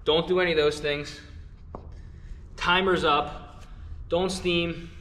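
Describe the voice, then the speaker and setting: A man's voice: a little high, flat delivery, slow pace, fairly bright tone. A young man, out of breath, chatting casually to viewers while showing them how to do something. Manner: chatty, instructive, addresses viewers as guys. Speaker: glove channel host. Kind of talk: casual vlog talk to camera.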